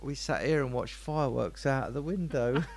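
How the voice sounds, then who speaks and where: A man co-hosting a show, telling rambling, playful stories in casual chat. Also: fairly high pitch. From England. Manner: rambling, animated, playful storyteller. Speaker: radio show co-host.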